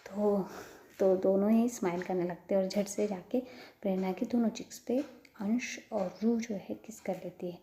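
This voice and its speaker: Woman narrating a story with a dark, gravelly voice. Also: mid-range voice, steady tone, a little slow. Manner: chatty, with many connecting "so"s. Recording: echoey room.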